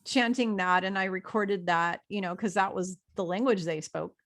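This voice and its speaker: A woman's voice: medium pitch, normal speed, fairly bright tone. A woman guest who talks about her spiritual work in a chatty, enthusiastic, rambling way. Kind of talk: casual video interview chat.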